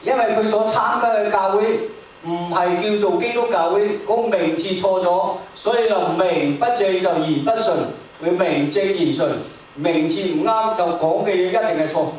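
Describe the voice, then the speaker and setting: A man preaching a sermon in an emphatic, repetitive way, paused for an interpreter. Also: high-pitched, darkish tone, a little hiss or hum. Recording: echoey hall, distant mic.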